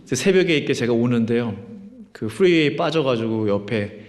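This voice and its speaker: A man's voice: mid-range voice, lively intonation, a little fast. A man preaching a Sunday sermon as pastor, talking in a conversational way with many fillers and leading fervent prayer. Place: church sanctuary. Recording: long church reverb.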